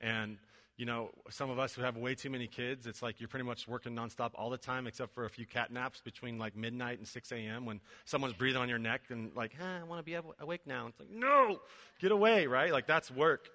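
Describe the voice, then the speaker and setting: A venue director who preaches, a man in his forties, delivers a chatty, joking sermon loaded with fillers in a large church auditorium. He talks briskly at medium pitch with a bright, forceful tone, and long hall reverb hangs on his words.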